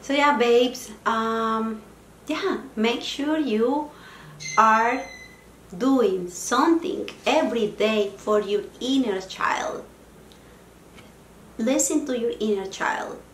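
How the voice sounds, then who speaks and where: Speaking slowly and pausing often, this young female vlogger talks to her viewers about self-care in a relaxed, playful way, mixing Spanish words into English with the Latin American accent of a native Spanish speaker. Her voice sits a little high and fairly bright. The low-quality recording sounds roomy, with slight background noise.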